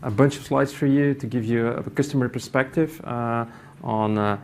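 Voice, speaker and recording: In a meeting room, a middle-aged company IT executive from Belgium presents at a conference, speaking with a Belgian Dutch accent as a native Dutch speaker. His mid-range voice has fairly even intonation, and he stumbles along with many fillers and restarts.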